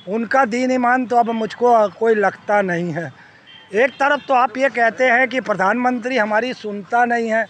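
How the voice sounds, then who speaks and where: Fiery high-voiced man on the street. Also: fairly bright tone, a little hiss or hum. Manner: fiery, sings a line of an old song. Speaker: passerby giving opinion. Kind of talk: street interview. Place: outdoors on a city street.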